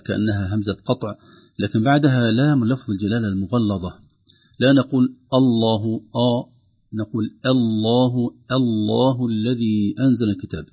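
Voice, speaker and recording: A man teaching Quran recitation rules, slowing down to demonstrate how each sound is pronounced. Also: lowish voice, husky, lo-fi sound. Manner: slows and stretches sounds to demonstrate pronunciation. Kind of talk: tajweed lesson with recited examples.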